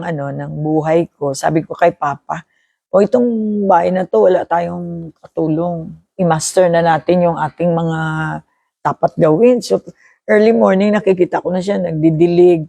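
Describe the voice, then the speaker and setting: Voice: mid-range voice, vocal fry, dry recording. A preacher with a Filipino accent teaching at a church meeting, switching between Tagalog and English and often putting questions to the congregation. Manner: animated, repeats key phrases, asks the room questions.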